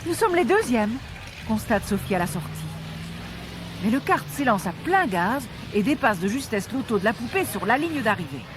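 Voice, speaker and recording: A woman reading a children's story aloud, lively and voicing the characters with big jumps in pitch. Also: normal speed, noisy background. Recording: story read over loud background music.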